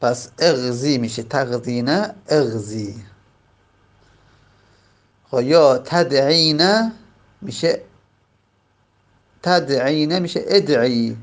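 A man teaching a grammar lesson, explaining step by step and drawing out example words slowly. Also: mid-range voice. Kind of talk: classroom lesson.

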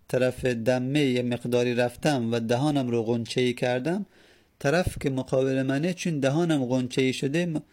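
Gravelly man teaching Arabic grammar. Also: mid-range voice, a little mellow. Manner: patient, repeats words, sounds out examples slowly. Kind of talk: explaining Arabic grammar in Persian.

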